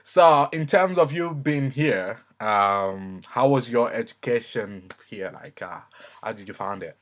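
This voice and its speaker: A man's voice: medium pitch, measured pace, fairly bright tone. A man hosting an interview, talking casually and rambling with lots of "like" and "you know". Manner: rambling, many likes and fillers.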